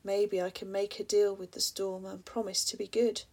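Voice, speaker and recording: A woman reads rhyming verse aloud in a husky voice that often sinks into a breathy half-whisper. Her tone stays level and flat, with a gravelly edge of vocal fry. Now and then she turns to ask the listener quiet questions. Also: medium pitch, moderate pace. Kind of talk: spoken-word poetry reading.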